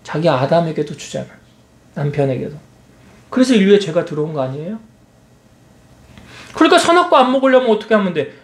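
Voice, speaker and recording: A male pastor preaches with a high, lively voice that swoops up and down as he fires rhetorical questions at the congregation. His voice rings out in an echoey church hall. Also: a little fast, long pauses. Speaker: senior pastor. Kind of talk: sermon.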